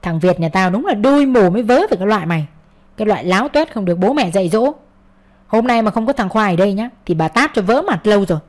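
A woman voicing a shrill, abusive old mother-in-law in an audio story. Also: expressive, fast talker, natural voice.

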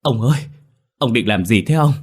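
A man's voice: deep voice, fairly quick, breathy edge. A man voicing a grieving elderly mother who pleads and weeps in a ghost story. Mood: wailing. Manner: tearful, pleading. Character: grieving old mother, wailing.

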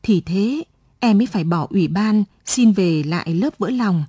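A woman's voice: medium pitch, expressive, moderate pace, mellow, breathy edge, no echo, studio quality. A woman narrating a late-night radio story, reading the characters' lines with small changes in her voice.

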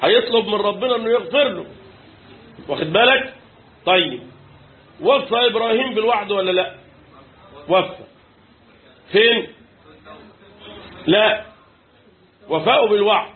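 A man with an Egyptian accent teaching a religious lesson, asking his listeners questions and answering them himself, reciting verses slowly. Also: high voice, lively intonation. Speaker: Islamic teacher explaining Quran commentary. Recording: tinny phone-like recording with faint noise.

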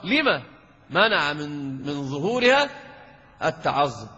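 High, bright-voiced sheikh teaching grammar. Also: male voice, breathy edge. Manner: lively, questions and teases students. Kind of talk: classroom grammar lesson. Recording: dull lo-fi hall recording.

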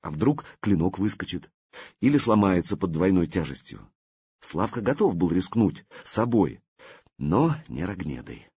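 A man narrating an audiobook in an expressive storytelling manner. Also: deep voice, measured pace, slightly rough, dry recording, highs cut off. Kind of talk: scripted narration.

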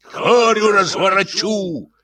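A furious, coarse janitor bellowing abuse in a high, strained voice, as a male reader puts him on. His cursing stays crude and loud throughout this audiobook scene. The recording is dry and close. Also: slow, no echo, full character voice. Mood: furious yelling. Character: drunken brawling male yard janitor, coarse.

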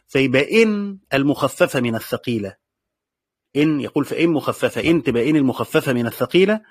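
A man with an Egyptian accent teaching a classical text, repeating key phrases, reading quotations slowly and checking with the class through short questions. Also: a little high, breathy edge, dry recording, clean studio sound. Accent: Egyptian Arabic. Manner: reads quoted passages slowly.

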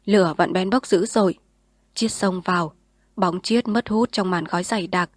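A woman narrating a novel in a steady, measured reading voice. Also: fairly low pitch, dry recording, studio quality. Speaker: storyteller.

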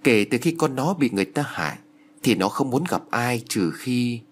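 Guy doing a village woman talking low and confiding, bit husky, storybook. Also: animated, normal speed, lightly acted. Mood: hushed. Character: guiding village woman, hushed and secretive.

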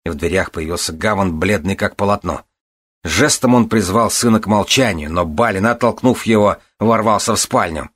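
A man narrating an audiobook in an even, measured reading. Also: on the low side.

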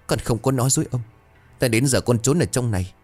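A man's voice: medium pitch, fast, a little mellow, soft background music, pitched above the performer's own voice, close to an everyday voice. A man voicing a frightened young male servant who stammers and pleads in panic. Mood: terrified pleading.

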